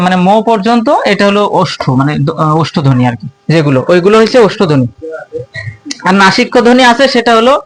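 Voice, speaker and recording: A male teacher from Bangladesh, with a high-pitched and fairly bright voice, gives students an informal grammar lesson. He talks to them colloquially, poses questions that he answers himself, and repeats the key terms again and again.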